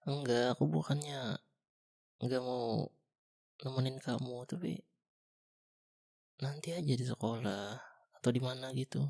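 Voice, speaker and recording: A young man speaks in a whispered role-play as a boyfriend. His low voice is gravelly and husky. He coaxes softly and teases gently. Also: measured pace, long pauses. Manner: soft, coaxing and gently teasing. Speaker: ASMR boyfriend role-player.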